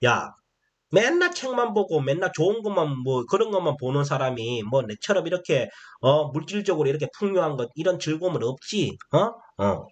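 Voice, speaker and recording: A man's voice: a little high, sing-song, a little fast, slightly rough. A man voicing a boastful ancient king who sneers and teases a visiting scholar. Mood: mocking. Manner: sneering, teasing, casual speech. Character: smug mocking ancient king, male, boastful.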